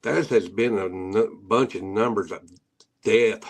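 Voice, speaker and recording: A man's voice: on the low side, a little slow. A middle-aged man with an Appalachian hillbilly accent telling stories casually in an interview, folksy and rambling with rural grammar. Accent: Appalachian, hillbilly drawl. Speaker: guest, paranormal investigator.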